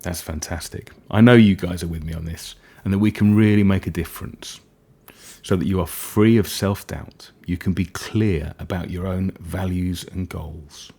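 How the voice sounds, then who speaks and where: A man guiding a hypnosis session in a soft, soothing, breathy and unhurried voice, leaving gentle pauses between phrases. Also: sits low, fairly even intonation.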